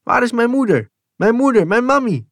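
A man's voice: a little fast, fairly bright tone, no room sound, studio quality. A man voicing a frightened little boy who pleads and cries out for his mother. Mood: desperate. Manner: high pleading child's cries.

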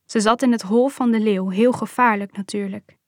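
A woman reading a first-person memoir aloud in a calm, measured storytelling manner. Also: medium pitch, no echo, clean studio sound.

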